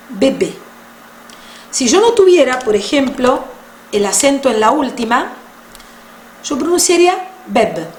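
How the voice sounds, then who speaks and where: A woman giving a language lesson, explaining French sounds patiently and slowly. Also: high-pitched. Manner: patient, slow, spells out sounds. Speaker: French teacher. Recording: roomy echo with faint noise.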